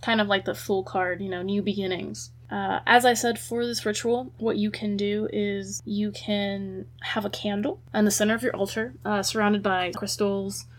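A woman hosting an informal spoken tutorial, guiding listeners in a casual, gently instructive way. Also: medium pitch, fairly even intonation, normal speed, hardly any pauses. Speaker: host of a spiritual how-to episode.

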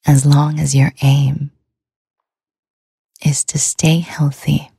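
Female sleep-podcast host; slow, soothing whisper, gravelly and mellow. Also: low voice, level tone, no echo. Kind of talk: whispered ASMR sleep talk.

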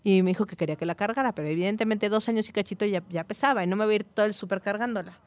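A Mexican woman in her thirties or forties, a psychologist, recounts a story in relaxed, animated conversation, acting out the voices of people in it. Her voice sits at a middle pitch and sounds close and dry, with no room echo. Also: very fast. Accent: Mexican Spanish. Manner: animated, tells anecdotes with quoted dialogue. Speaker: psychologist, guest or co-host.

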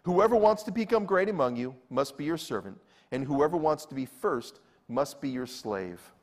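A man's voice: a little high, moderate pace. A man preaching a sermon as pastor, telling a story with quoted voices and repeating key phrases for emphasis. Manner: animated storytelling, acts out quoted lines.

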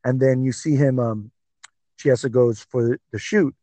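Male podcast co-host, mid-range voice, rambling and excitable, dry close recording. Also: medium pitch, moderate pace, no room sound. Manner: excitable, rambling with many fillers. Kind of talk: casual sports chat.

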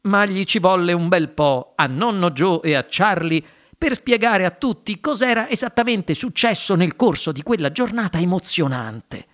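A narrator reading a children's storybook aloud with an expressive, animated delivery. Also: mid-range voice. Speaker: audiobook narrator.

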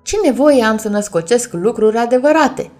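A woman's voice: a little high, expressive, darkish tone, faint music behind, natural voice. A woman voicing a clumsy, boastful boy poet who is proud and stubborn, in a storybook reading. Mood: proud, eager. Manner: eager, proud, innocently stubborn.

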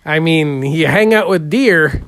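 A man's voice: a little high, unhurried, fairly bright tone, no echo. A man playing a goofy, heavyset portrait painter in an improvised comedy interview, drawling and rambling with lots of "uh" and "there".

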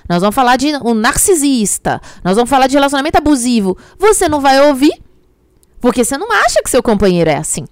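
A Brazilian-accented woman coach talks straight to her viewers, emphatic and expressive, often calling out to them directly. Her voice sits a little high and sounds smooth and clean. The recording is dry and close. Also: quick pace, dry recording. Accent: Brazilian Portuguese. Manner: emphatic, expressive, keeps addressing the audience. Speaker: limiting-belief coach. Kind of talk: candid direct-to-camera relationship talk.

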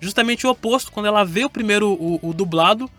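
A man's voice: high-pitched, fast talker, sharp tone, dry recording, faint music behind. A man with a Brazilian Portuguese accent hosting a casual podcast chat, rambling and correcting himself as he goes. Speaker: podcast host.

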